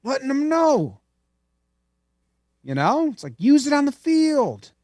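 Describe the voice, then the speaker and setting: A man's voice: extremely high pitch, wildly swooping pitch, slow pace, darkish tone, no room sound, studio quality. A man co-hosting a podcast, chatting casually and playfully about baseball. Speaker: podcast co-host. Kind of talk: casual sports chat.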